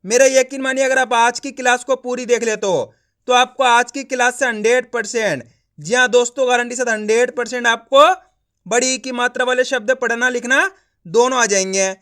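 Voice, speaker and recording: A man's voice: very high voice, fairly even intonation, moderate pace, fairly bright tone, smooth. Patient man sounding out syllables. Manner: coaxing, often asking the viewer if they understand. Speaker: Hindi reading teacher. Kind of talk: spoken lesson.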